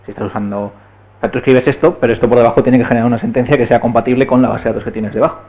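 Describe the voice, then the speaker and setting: A man's voice: mid-range voice, steady tone, racing. A man giving a technical talk at a meetup, explaining step by step and often checking in with the room. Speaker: meetup speaker. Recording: tinny, phone-like recording.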